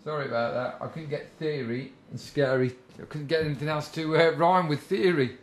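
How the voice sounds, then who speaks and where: A man's voice: fairly high pitch, fairly even intonation, a little fast. Chatty man teaching guitar theory. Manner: chatty, self-deprecating, encouraging. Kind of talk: casual spoken music lesson.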